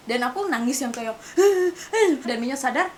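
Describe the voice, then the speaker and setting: A woman's voice: on the high side, fast. A young woman from Indonesia telling a personal story to camera, casually mixing in English phrases. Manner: mixes in English phrases, refers to herself by name, animated retelling. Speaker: vlogger. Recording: faint hiss.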